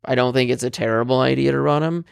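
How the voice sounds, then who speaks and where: A man with a gravelly, creaky voice talks politics in a casual, opinionated way, swearing freely. He rambles through fillers and restarts. The sound is close and dry, with no room around it. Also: medium pitch, fast talker, no room sound.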